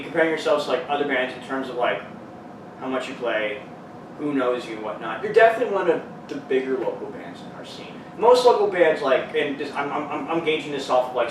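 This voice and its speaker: Rambling Texan metal podcast host. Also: male voice, medium pitch, expressive, fast talker. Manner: rambling, swears freely, many fillers. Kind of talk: casual chat. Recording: echoey room, distant mic, noisy.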